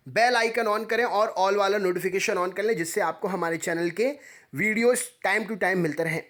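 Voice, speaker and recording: A man with a high, light voice reads exam quiz questions one after another, each time in the same brisk pattern. He sounds like a coaching teacher recording a voice-over close to the mic. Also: fairly bright tone. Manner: brisk, repetitive quiz phrasing.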